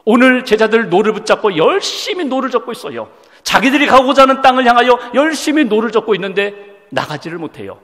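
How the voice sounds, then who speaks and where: A man's voice: very high-pitched, sing-song, fast, a bit bright. A male pastor preaching a sermon in a church, asking the congregation questions as he goes. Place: church sanctuary. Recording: long hall reverb.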